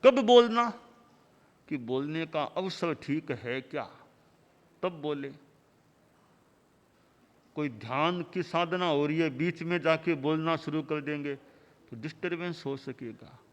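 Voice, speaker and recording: A man delivering a sermon as a spiritual teacher, in measured, rhythmic lists of short phrases. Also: fairly high pitch. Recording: long hall reverb.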